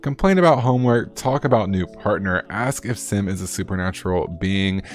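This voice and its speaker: A man's voice: deep voice, normal speed, faint music behind. A man, a gaming YouTuber, giving a chatty, upbeat walkthrough of game mods and rattling off lists of features. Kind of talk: casual gameplay commentary.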